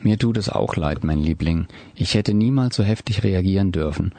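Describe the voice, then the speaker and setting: A male reader voicing a gentle, caring man of about thirty who speaks softly and calmly to his partner in an audiobook. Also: low-pitched, moderate pace, dry recording. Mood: tender. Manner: soft, calm and soothing.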